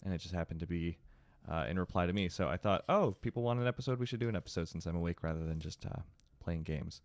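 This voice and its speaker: A man hosting a storytelling show, reading a horror story aloud with a slight lisp from rubber bands in his braces, after a slow, dramatic opening and some rambling, casual chat. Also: deep voice, no echo. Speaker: storytelling host.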